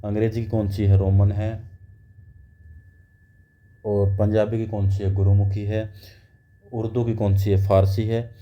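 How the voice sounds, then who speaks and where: A man's voice: lowish voice, little pitch movement, a little slow, long pauses. A man giving a grammar lecture, explaining step by step and asking and answering his own questions. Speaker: teacher. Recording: dull lo-fi recording.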